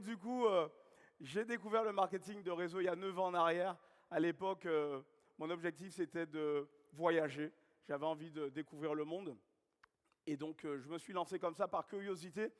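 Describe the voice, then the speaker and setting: A man from Guadeloupe in his thirties giving an energetic motivational talk from a stage, often calling out questions to the audience. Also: sits high. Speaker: seminar speaker. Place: large hall with live audience. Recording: long hall reverb.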